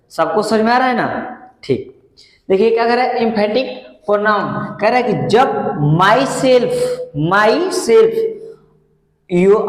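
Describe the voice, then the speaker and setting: A man's voice: extremely high pitch, roomy sound, big-room sound, poor audio. A male English grammar teacher, lecturing a class and repeatedly asking the students whether they follow. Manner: repetitive, keeps asking if students understand.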